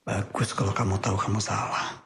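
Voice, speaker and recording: A stern religious teacher at a boarding school, cold and controlling. His voice sits low and gravelly, with a flat, unmoving delivery, over film music behind. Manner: cold, measured, authoritative. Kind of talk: film drama.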